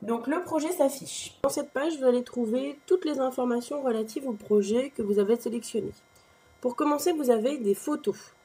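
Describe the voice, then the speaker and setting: Husky woman explaining a craft project. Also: high-pitched, normal speed, mellow. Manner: explanatory, frequent "euh" fillers, conversational. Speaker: crafting tutorial host. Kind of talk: screen-recorded software walkthrough.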